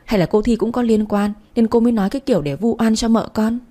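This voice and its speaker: A woman voicing an outspoken young female servant who talks loud and accusing, slightly raised. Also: a little high, quick pace, pitched above the performer's own voice, lightly acted.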